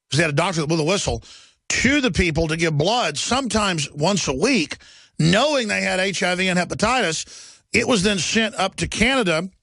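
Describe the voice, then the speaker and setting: A man's voice: creaky, pushed and bright, no room sound. A man hosting a talk radio show, ranting in a heated monologue and turning sarcastic, his voice jumping up when he mocks. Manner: ranting, sarcastic, voice jumps high when mocking.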